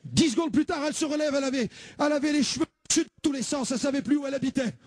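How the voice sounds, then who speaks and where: A young man giving a lively testimony as a preacher, acting out the voices in his story. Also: very high voice, rapid-fire, dry recording. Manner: acts out every voice in his story, shouting and pleading. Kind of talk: animated testimony.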